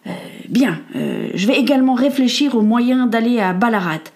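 Eager worried husband in an audiobook, read by a woman, loud and stammering. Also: on the high side, animated, moderate pace, pitched above the performer's own voice. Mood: urgent. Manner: raised, urgent and stammering. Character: anxious middle-aged husband, a journalist, eager.

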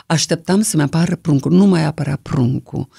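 An older woman from Romania, a singer with a deep, low voice, telling stories in an interview in a lively, expressive way. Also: gravelly, slightly rough, no echo, clean studio sound. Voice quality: low, deep singing-trained voice. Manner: lively, expressive anecdotal storytelling. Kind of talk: storytelling in an interview.

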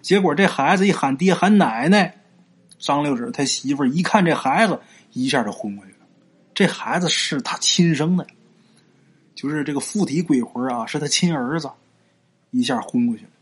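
A man's voice: fairly high pitch, animated, breathy edge. A man narrating a serialized ghost story in a chatty way, asking and answering his own questions and stretching out particles at the ends of phrases. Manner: frequent drawn-out particles like 啊 and 呀.

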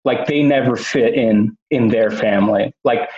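A man's voice: mid-range voice, a little slow, a little mellow. A man talks casually as a podcast guest, from Canada, full of fillers and false starts. His voice sits mid-range and comes through a roomy space with a dull, muffled lo-fi quality. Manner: rambling, lots of fillers and restarts. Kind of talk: casual chat.

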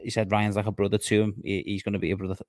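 Podcast co-host, man, lowish voice, dry close sound, chatty news reader. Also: flat delivery, racing, a little mellow, no room sound. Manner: chatty, relays news at length. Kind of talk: casual golf news chat.

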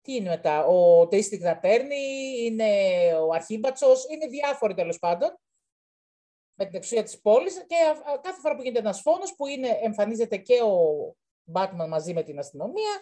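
Here the co-host's voice is a little high, sing-song and mellow as she casually reviews a film. Her talk meanders with frequent restarts, and she describes things as chaos.

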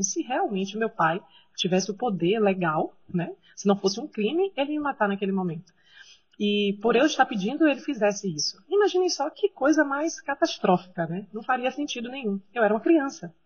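A woman, telling a personal story in a devotional talk. She talks in a conversational way with frequent tag questions. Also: medium pitch. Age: 30s. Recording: slightly muffled recording.

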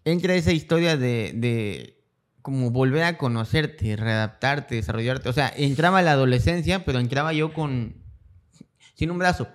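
A man's voice: mid-range voice, expressive, normal speed. A young adult man with a Mexican Spanish accent, a guest speaking in a casual interview who tells his story and acts out the voices of people in it. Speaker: guest, cancer survivor.

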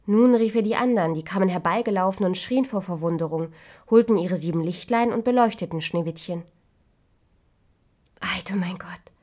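A woman reading a fairy tale aloud as narrator, in a measured voice that softens to a hush at times. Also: mid-range voice.

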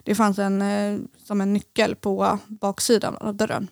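Young woman, podcast guest, creaky voice, hesitant storytelling, dry recording. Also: mid-range voice, completely flat delivery, darkish tone, no echo. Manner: hesitant, many fillers, speeds up and slows down. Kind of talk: personal story in casual conversation.

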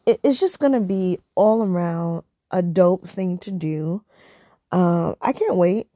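A woman's voice: lowish voice, takes it slowly, dark tone, no echo, clean studio sound. A woman in her thirties chatting casually to camera, rambling and repeating herself, tired and yawning. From United States. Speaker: vlogger.

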